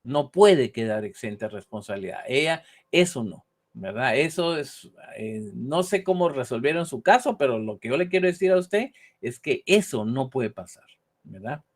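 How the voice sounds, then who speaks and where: A man gives an online university lecture on law in a medium-pitched voice with lively intonation and a normal pace. He frequently closes points with a questioning "¿verdad?" and acts out brief example dialogues.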